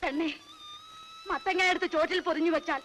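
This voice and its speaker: Sharp-tongued elder village woman. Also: very high voice, fairly even intonation, fairly quick. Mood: scolding. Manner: scolding, sharp rural speech. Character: stern elder village woman, fierce but caring. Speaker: elder sister figure. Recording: film soundtrack with reverb and music.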